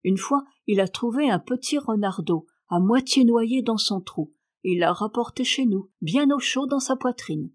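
A woman's voice: a little high, expressive, normal speed. A woman reading the lines of a talkative young housemaid in a storybook, in a plain matter-of-fact telling voice. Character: stubborn chatty young housemaid. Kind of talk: audiobook character reading.

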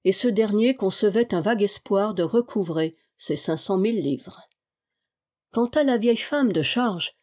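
Woman reading an adventure novel aloud. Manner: lively, voices the dialogue with raised pitch and force. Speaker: audiobook reader.

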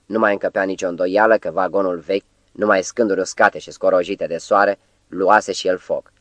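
A man reading a novel aloud as an audiobook narrator, in a steady, measured storytelling manner. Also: deep voice, no room sound. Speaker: audiobook reader. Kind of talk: scripted literary narration.

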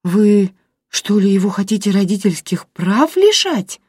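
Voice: mid-range voice, expressive, normal speed, a little mellow, no echo, studio quality, voice pushed up, lightly acted. An audiobook reader voicing a fretful, tearful elderly grandmother who speaks plaintively in a raised voice. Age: older.

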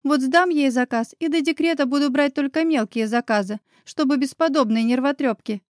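A woman reading an audiobook voices the heroine's friend, a young pregnant woman who is lively and emotional, pitching her voice up for her. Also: dry recording, studio quality, lightly acted. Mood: grumbling chat. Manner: lively, quick mood swings between tears and laughter.

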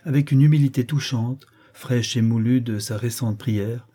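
Man with a dark, husky reading voice. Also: medium pitch, normal speed. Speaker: audiobook narrator. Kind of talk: audiobook reading of a novel.

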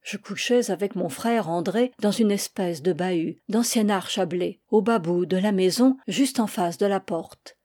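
Audiobook narrator, woman, mellow and measured, classic prose. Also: medium pitch, dry recording, studio quality. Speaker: audiobook reader.

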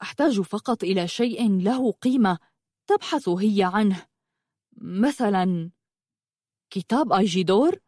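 A woman voicing a flustered male novelist who turns defensive and then gentle. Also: mid-range voice, animated, moderate pace, long pauses, husky, no echo, studio quality. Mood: earnest. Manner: defensive, bursts into anger then softens.

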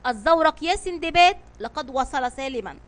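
A woman's voice: sits high, lively intonation, quick pace. Woman voicing a tense, urgent male companion. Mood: amazed. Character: nervous, quick-tempered adult male companion.

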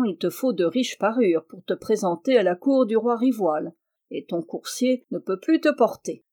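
A woman reading a fairy tale aloud in a measured storytelling manner. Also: medium pitch, a little mellow. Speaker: audiobook reader. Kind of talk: scripted narration of a fairy tale.

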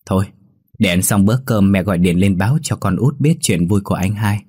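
A man voicing a gentle middle-aged mother, calm and motherly, in a low husky voice. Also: fairly quick, dry recording, studio quality.

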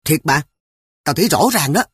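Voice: medium pitch, lively intonation, moderate pace, husky, no room sound, clean studio sound, pitched above the performer's own voice. A storyteller voicing a young boy who whispers secrets and talks back defensively. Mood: conspiratorial. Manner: conspiratorial, defensive. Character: young boy, the older brother, bluffing. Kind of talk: audiobook character voice.

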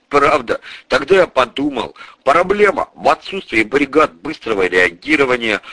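A man reading a first-person audiobook in a grim, intense way. His voice is bright and forward, and his pitch moves a lot. The recording is dry and close, with no room sound. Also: no echo, poor audio. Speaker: audiobook narrator.

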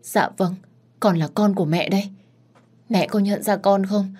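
A woman voicing a pushy young daughter who shouts and scolds. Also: medium pitch, fairly even intonation, measured pace, slightly rough, voice pushed up. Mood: pleading.

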